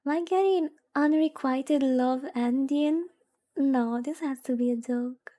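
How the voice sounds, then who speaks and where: Speaking a little slowly, this streamer has a high, warm voice. She reads through a visual novel in a relaxed livestream manner, tossing in informal, playfully exasperated remarks.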